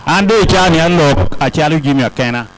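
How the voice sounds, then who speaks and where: A man's voice: a little high, lively intonation, fast talker, a little hiss or hum, poor audio. A man acting as interpreter, relaying a podium speech aloud phrase by phrase. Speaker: consecutive interpreter at a ceremony.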